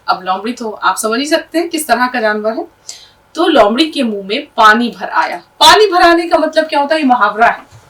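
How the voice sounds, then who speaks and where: A woman's voice: on the high side, animated, a bit bright, recorded from a distance, low-quality recording. A woman teaching an Urdu lesson, patiently spelling words letter by letter and asking her class questions.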